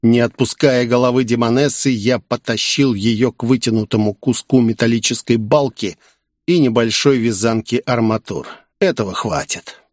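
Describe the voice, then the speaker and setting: A man reading a first-person story as an audiobook narrator, with an even, wry delivery. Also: mid-range voice, moderate pace, dry recording, studio quality.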